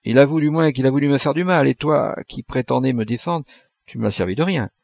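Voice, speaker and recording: A man's voice: medium pitch, brisk, vocal fry, darkish tone, no echo, muffled recording, lightly acted. A man reading an audiobook, voicing a young dying man who asks pleading, indignant questions.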